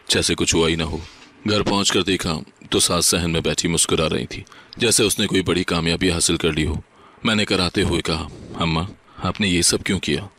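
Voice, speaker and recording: A man reading a sad first-person moral story as scripted narration, steady and solemn. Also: low-pitched.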